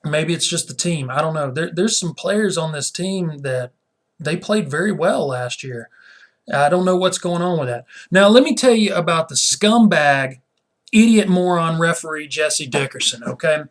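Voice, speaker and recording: A man's voice: on the high side, expressive, moderate pace. A man ranting indignantly in a vlog as a sports fan, often repeating his words. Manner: repeats words while talking.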